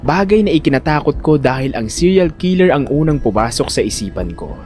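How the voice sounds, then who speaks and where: With faint music behind him, a man plays an anxious, protective older brother telling a tense suspense story in the first person. His natural, slightly mellow voice moves quickly with lively intonation, and his acted dialogue turns exasperated and high-pitched.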